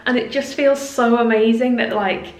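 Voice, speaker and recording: A woman's voice: a little high, moderate pace. Give me a gushing woman vlogging in an echoey, cave-like room. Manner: gushing, excitable, laughs often. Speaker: home vlogger. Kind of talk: casual vlog chat.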